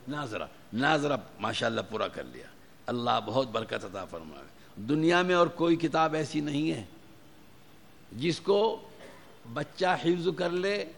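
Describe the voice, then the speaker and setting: A man's voice: medium pitch, gravelly, a bit bright. A man giving an earnest, exhortative sermon to a gathering, repeating his key points. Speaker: religious preacher. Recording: reverberant hall with faint ambient noise.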